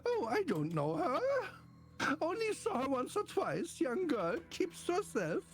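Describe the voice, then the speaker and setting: A woman's voice: high voice, huge pitch swings, a little slow, voice pushed up, exaggerated voice. A woman voicing a fussy, complaining older male neighbor, read aloud from a game in a theatrical, exasperated, gossipy way. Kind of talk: reading game dialogue aloud.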